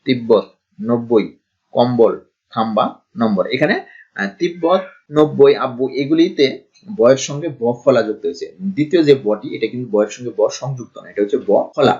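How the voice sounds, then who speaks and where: A man giving an online pronunciation lesson, speaking slowly and deliberately and repeating example words one by one. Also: medium pitch, a little mellow. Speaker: Bengali grammar tutor. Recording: dull lo-fi recording.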